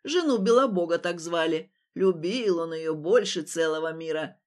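A woman playing a gruff, scolding old village woman. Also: on the low side, lively intonation, moderate pace, a little mellow, voice pushed down, close to an everyday voice. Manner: brusque, scolding.

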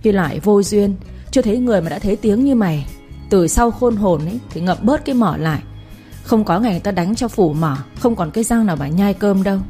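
A woman's voice: medium pitch, animated, brisk, warm tone, soft background music, lightly acted. A woman voicing a fiery young female servant who scolds shrilly, in a read-aloud story. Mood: furious.

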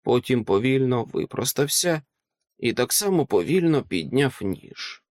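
Expressive male audiobook narrator. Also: mid-range voice, a little slow, no room sound, studio quality. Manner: dramatic, expressive reading.

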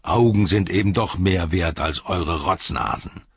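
A man's voice: low-pitched, unhurried, creaky, breathy edge, no room sound, highs cut off, heavily acted. A man doing a bullying big orc soldier. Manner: barking, bullying threats.

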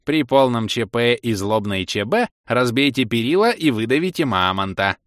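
A man voicing an eccentric, bossy bald male elf who announces things in a loud, drawn-out way. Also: medium pitch, animated, no room sound, studio quality, close to an everyday voice. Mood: cheerful.

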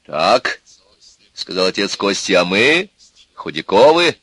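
Brief: narrator playing a firm stern father, terse and loud. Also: fairly low pitch, big pitch swings, measured pace, breathy edge, no echo, full character voice.

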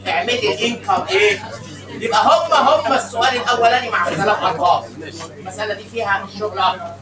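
A man with an Egyptian Arabic accent giving a classroom lecture, animated and teasing, mixing English terms into his speech. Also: sits high. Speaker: accounting lecturer. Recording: echoey room miked from a distance with background noise.

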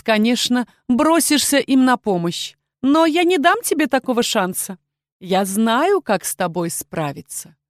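A woman's voice: medium pitch, no room sound, studio quality, lightly acted. A woman voicing a scheming, cruel dragon queen in an audiobook, gloating and shrieking her commands. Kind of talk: audiobook character reading.

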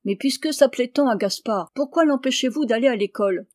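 A woman's voice: a little high, a little fast, no echo, close to an everyday voice. Woman doing a kind respectful farm boy, storybook reading, dry voice. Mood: earnest. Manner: gentle, respectful. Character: kind earnest peasant boy, brother.

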